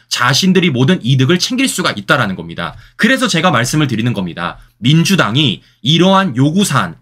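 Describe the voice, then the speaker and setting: A man's voice: on the high side, pushed and bright. A man hosting solo political commentary, firing rhetorical questions at his viewers and repeating key phrases for emphasis. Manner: addresses viewers directly.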